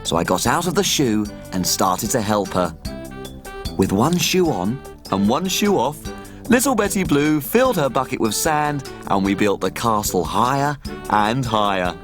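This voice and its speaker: A man's voice: medium pitch, very animated, measured pace, music in the background. A man playing a tiny, cheerful, eager little cook in a children's show, with an exaggerated, enthusiastic sing-song delivery. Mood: storytelling. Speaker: children's TV presenter. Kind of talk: playful children's show presenting and storytelling.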